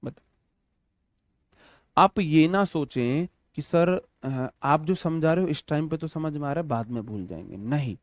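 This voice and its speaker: A man's voice: a little high, animated, measured pace, dry recording. A young man teaching English grammar in a Hindi-accented online exam-prep lesson, repeating each point and asking his students questions. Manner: repetitive, addresses students as brother, asks them questions.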